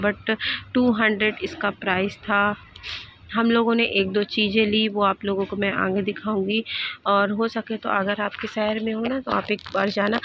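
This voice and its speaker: Chatty woman vlogger, flat delivery. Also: medium pitch, muffled recording. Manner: chatty, rambling, many fillers. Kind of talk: casual voice-over narration. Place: indoors at her mother's home.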